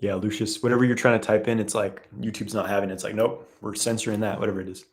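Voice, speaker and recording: A man hosting a casual live Q&A, reading viewer questions aloud and answering in a relaxed, rambling way. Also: lowish voice, rapid-fire. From West.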